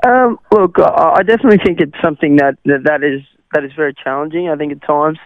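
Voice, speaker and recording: A young South African man, a cricketer whose first language is Afrikaans and who speaks with an Australian accent, hesitantly answers radio interview questions, filling gaps with lots of fillers. His voice is fairly high and quick, with no echo, coming through a tinny, phone-like radio line.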